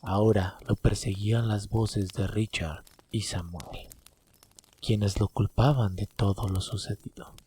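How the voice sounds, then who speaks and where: A man's voice: lowish voice, steady tone, measured pace, mellow, a little hiss or hum. A man narrating a horror story as a dramatic storyteller.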